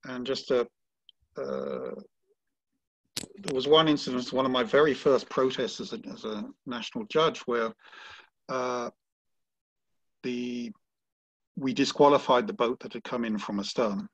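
A man who is a sailing judge, speaking haltingly with many restarts on an online panel call. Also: mid-range voice, animated. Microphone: video call. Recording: dull lo-fi video call audio.

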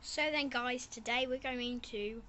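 A woman vlogging outdoors, excitable and quick to get scared, with lots of exclamations. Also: on the high side. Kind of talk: casual vlog commentary. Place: outdoors on a cliff walk and at a zoo. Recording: dull lo-fi sound with wind noise outdoors.

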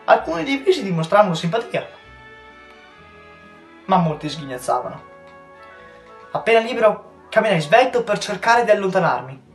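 High-voiced teenage boy reading a story. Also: big pitch swings, moderate pace, pauses often. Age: teens. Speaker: student reader. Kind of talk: reading a novel aloud. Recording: roomy echo with faint music.

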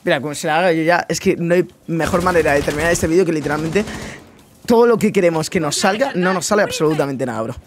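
A man's voice: fairly high pitch, fast talker, a little hiss or hum. A young man, giving casual, slangy gameplay commentary full of swearing and addressing his viewers directly. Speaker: gaming streamer.

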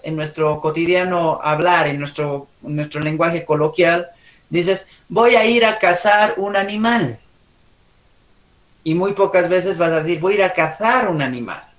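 A man teaching an online language class, correcting pronunciation with a Bolivian Spanish accent and asking frequent check questions. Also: fairly high pitch.

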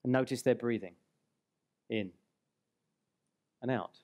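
A man in his forties giving a live seminar on a hall stage into a headset mic, guiding the audience through an exercise and slowing on key words. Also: medium pitch, darkish tone. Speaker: speaker and trainer.

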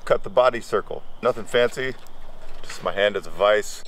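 A man hosting an oddball how-to segment outdoors, talking in a playful, deadpan way. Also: lowish voice, normal speed. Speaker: host. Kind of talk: offbeat how-to demonstration. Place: outdoors in the woods. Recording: loud power-drill noise.

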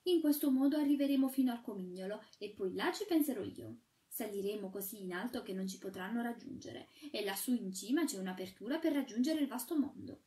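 A woman's voice: fairly high pitch, lively intonation, brisk, few pauses, dark tone, reverberant, recorded from a distance, close to an everyday voice. A woman voicing a devoted young porcelain chimney sweep who speaks in an earnest, encouraging way.

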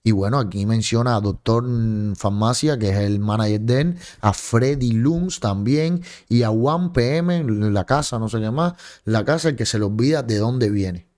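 A man's voice: medium pitch, normal speed, a little mellow. A young man with a Cuban accent hosts a livestream from a lit-up home room. He talks close to a large studio microphone. His tone is mocking and scolding, full of sarcastic jabs. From Cuba. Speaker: political commentary streamer. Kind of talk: livestream commentary. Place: home streaming room with colored lights. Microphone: large studio mic on a boom in front of face.

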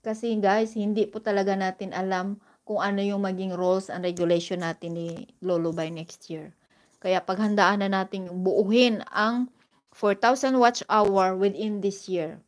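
A woman's voice: medium pitch, darkish tone. A woman from the Philippines chatting casually on a live stream, greeting viewers by name and giving sisterly, encouraging advice.

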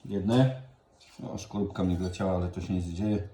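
A man's voice: low voice, fairly even intonation, normal speed. A man with a Silesian accent, chatting in a folksy way as he gives a casual step-by-step cooking demonstration. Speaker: home cook hosting a cooking video. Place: indoor kitchen. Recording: echoey room with loud kitchen noise. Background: clattering dishes, cutlery and pans.

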